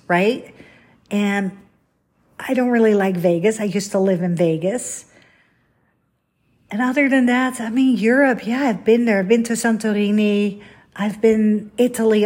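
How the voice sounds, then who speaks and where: A woman's voice: mid-range voice, a little mellow, slightly rough. A middle-aged woman from the Netherlands, hosting a podcast in a candid, rambling, self-deprecating solo monologue. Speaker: podcast host.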